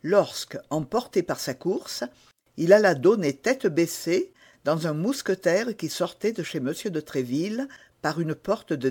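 A man reading a classic novel as an audiobook narrator, in a measured, expressive storytelling manner. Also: fairly high pitch, husky.

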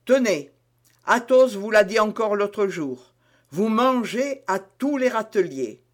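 A man's voice: high voice, expressive, slow. A man reading the part of a vain, blustering young musketeer who talks in a hearty, emphatic, lecturing way in an audiobook.

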